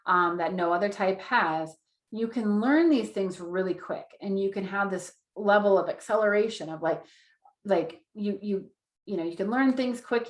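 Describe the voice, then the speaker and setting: A woman in her thirties teaches a class with an earnest, repetitive delivery, sometimes acting out an inner voice as she explains. Her voice sits in a middle pitch. The room gives it a noticeable echo. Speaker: Human Design teacher. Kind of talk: online class lecture.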